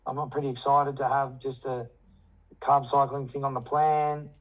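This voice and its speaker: A man's voice: medium pitch, flat delivery, moderate pace, low-quality recording. A man chatting casually in a rambling, slangy, sweary way. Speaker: coaching client. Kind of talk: casual chat.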